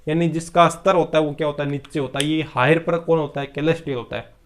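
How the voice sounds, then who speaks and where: A man's voice: on the high side, steady tone, fast talker. A man teaching a vocabulary lesson, asking questions aloud and answering them himself, with English words mixed into his explanations. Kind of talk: classroom-style vocabulary lesson.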